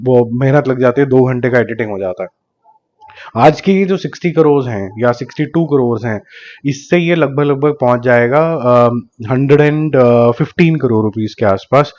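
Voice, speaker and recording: Guy with a scratchy sore throat, talks slow and careful, kinda dull lo-fi sound. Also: mid-range voice, darkish tone. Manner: deliberately slow, careful delivery of figures; mixes English terms and phrases into his talk. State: sore throat, slightly hoarse. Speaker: box office analyst YouTuber. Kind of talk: casual analytic commentary. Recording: slightly dull lo-fi recording.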